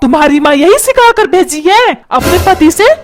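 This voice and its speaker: A woman's voice: very high-pitched, animated, moderate pace. A woman voicing a grumpy, put-upon old husband and father who scolds and complains. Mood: scolding. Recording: music playing behind.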